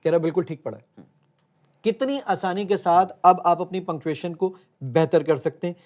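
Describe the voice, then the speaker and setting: Earnest man explaining a demo, slightly high voice. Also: a little mellow. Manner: earnest, explains step by step while showing a phone. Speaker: tech app founder as guest. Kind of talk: conversational interview with live app demo.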